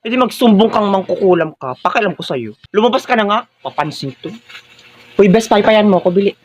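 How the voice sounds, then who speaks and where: A man performing a comedy skit alone, acting out many characters in turn and swinging between high and low playful voices. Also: animated, brisk. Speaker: comedy sketch creator.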